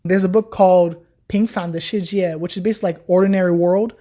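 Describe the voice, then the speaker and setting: She talks fast, in a fairly low voice: a young woman on a podcast as a guest, casually describing how she learned Chinese. Her story comes out chatty and lively, peppered with frequent "like"s, in an easygoing interview.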